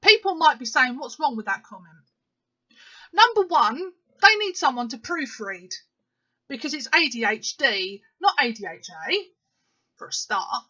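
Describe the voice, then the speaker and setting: A woman's voice: sits high, big pitch swings, measured pace, bright, forceful tone. A woman, talking straight to camera in a casual vlog, emphatic and indignant, with plenty of fillers. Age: 30s. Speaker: vlogger. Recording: slightly muffled lo-fi recording.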